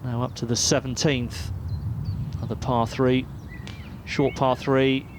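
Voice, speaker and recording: A man's voice: mid-range voice, flat delivery, slow. Male golf commentator over noisy outdoor ambience.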